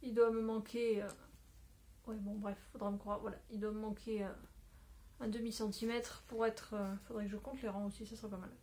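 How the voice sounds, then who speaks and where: A woman's voice: medium pitch, little pitch movement, brisk, darkish tone. A woman talking casually to her phone camera at home as a knitting podcaster, rambling with many fillers and self-corrections. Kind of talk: casual video chat. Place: at home, indoors.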